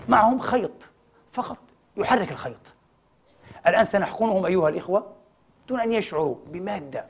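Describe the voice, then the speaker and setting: Male preacher, quick and husky, lecturing an audience and answering his own questions. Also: a little high. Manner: rhetorical questions he answers himself. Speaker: religious lecturer. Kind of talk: formal religious lecture to an audience.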